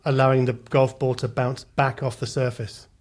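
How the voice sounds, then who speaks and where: A man's voice: mid-range voice, little pitch movement, normal speed. A man hosting a casual podcast chat, mostly answering with short, agreeing replies. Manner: brief affirming interjections. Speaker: podcast host.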